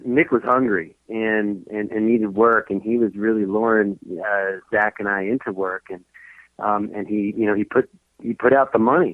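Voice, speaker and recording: A man in his thirties talks casually as a podcast guest, rambling and restarting his sentences often. His fairly low voice comes through a tinny, phone-quality line, dry and close. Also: dry recording. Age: 30s. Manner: rambling, many fillers and restarts. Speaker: guest musician.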